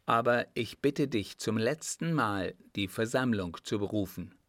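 A dutiful tribesman speaks serious and steady, never raising his voice in defiance, as a male reader plays him. The tone is lowish and recorded close and dry. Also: a little slow, no echo. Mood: firm, earnest. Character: earnest, dutiful young tribesman, defiant but calm.

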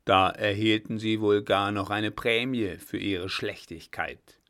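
A blustering old field marshal with a loud, booming, scolding voice, as a male reader puts him on. He is gruff and quick to anger in this storybook reading, his tone low and settled underneath the bluster. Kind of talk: audiobook reading.

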